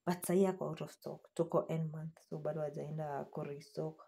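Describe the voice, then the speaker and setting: Young woman, Kenyan accent, casual phone home tour, lowish mellow voice, slightly husky, chatty with whispered asides. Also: steady tone, a little fast. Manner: chatty, addresses viewers as "guys", drops to soft half-whispered asides. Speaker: vlogger giving a house tour. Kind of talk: casual tour narration mixing Swahili and English. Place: small bedsitter flat, indoors. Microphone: phone held while filming.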